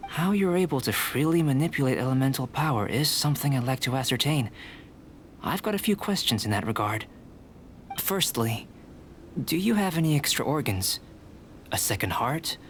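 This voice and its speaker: A man voicing Albedo, a calm, curious young alchemist who talks in measured, polite scholarly phrasing. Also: medium pitch, slight background noise, lightly acted. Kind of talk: video game voice acting. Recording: game audio with clear background music.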